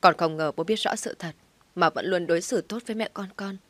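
A man's voice: sits high, brisk, fairly bright tone, dry recording. A woman voicing a grieving adult son who speaks in a choked, earnest way.

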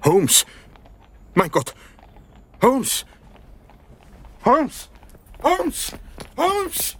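A flustered gentleman doctor in a radio drama, with a highly animated pitch. He is loyal but exasperated, prone to indignation and stammering, with faint noise behind him. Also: drawn-out words, heavily acted. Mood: alarmed. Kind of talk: German radio play acting.

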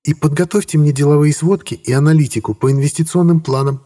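A man voicing a cool, sharp-tongued businesswoman who speaks coldly and sarcastically. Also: on the high side, fairly even intonation, quick pace, voice pushed up, natural voice. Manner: cold, sarcastic.

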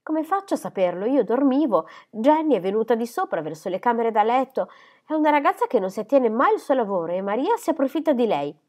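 A woman reading aloud and voicing a fussy, self-absorbed middle-aged stepmother who complains in a shrill, exclamatory way. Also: very animated, a little fast, a little mellow. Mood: fretful.

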